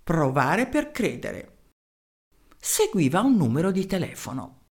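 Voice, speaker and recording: A woman reading a children's story aloud in an expressive narrating style. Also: lowish voice, measured pace.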